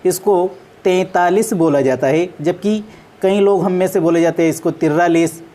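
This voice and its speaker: A woman's voice: lowish voice, normal speed, mellow. A woman teaching a maths class on video, patiently going through number names one at a time and correcting common mistakes.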